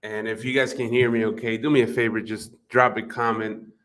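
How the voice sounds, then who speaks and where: A man's voice: fairly low pitch, flat delivery, brisk, fairly bright tone. A man with a Spanish accent hosting a live marketing webinar from his office, chatting with viewers by name with plenty of fillers. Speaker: livestream host and marketing coach. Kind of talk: live webinar, casual chat. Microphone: desk microphone at computer.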